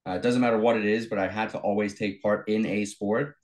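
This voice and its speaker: A young South African man with a lowish voice appears as a guest in a casual interview; he is a bodybuilder and coach. He tells his story in a relaxed way, pausing on plenty of fillers along the way.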